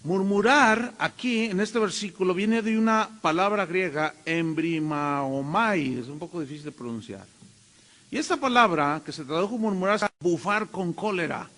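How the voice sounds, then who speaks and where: Emphatic Mexican pastor in a reverberant hall. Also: male voice, high-pitched, lively intonation, normal speed, a bit bright. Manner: emphatic, rhetorical questions, mimics voices. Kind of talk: sermon.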